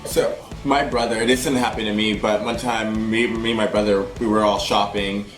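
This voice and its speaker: A man's voice: on the low side, level tone, moderate pace. A man co-hosting a casual comic chat, joking and giggly. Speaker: co-host. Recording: roomy echo with music.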